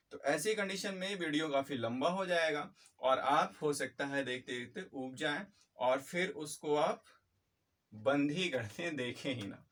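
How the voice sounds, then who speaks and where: A man teaching a biology lesson, talking quickly and repeating key points, slipping in English terms. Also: medium pitch, fairly bright tone, recorded from a distance. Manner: quick, repetitive explanations mixing in English terms. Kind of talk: fast-paced biology lecture.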